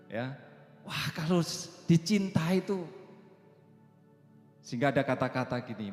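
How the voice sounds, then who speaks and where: A middle-aged pastor preaches in a church hall, his voice ringing with long reverb and faint music underneath. He moves between soaring, loud declarations and quiet, chuckling asides to the congregation. His pitch sits at an ordinary middle for a man. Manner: swings from loud high preaching to soft chatty storytelling, laughs often. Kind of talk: sermon.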